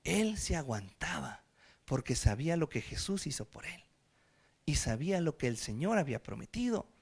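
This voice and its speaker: A man with a Mexican accent preaching a live sermon in a lively, joking way, talking straight to the listener. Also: a little high, normal speed, vocal fry, slightly rough.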